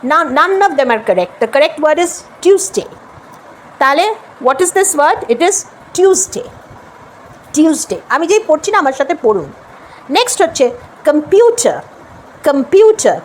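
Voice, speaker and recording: A woman with a Bengali accent who teaches English pronunciation and repeats each word, then models the correct form slowly. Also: sits high, a little hiss or hum. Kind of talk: spoken English lesson.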